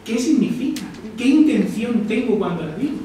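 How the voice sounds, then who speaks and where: A man's voice: very high-pitched, animated, normal speed, mellow, slight background noise. A man from Almería, giving a reflective live talk and often asking the audience questions. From Almería, Spain. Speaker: lecturer. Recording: echoey hall, distant mic.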